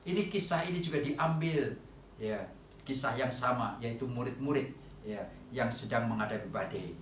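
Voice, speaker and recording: A man preaching a sermon to a congregation at an online church service, often calling out to them and rising loud on quoted cries for help. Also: mid-range voice, moderate pace, echoey room, far from the mic, a little hiss or hum.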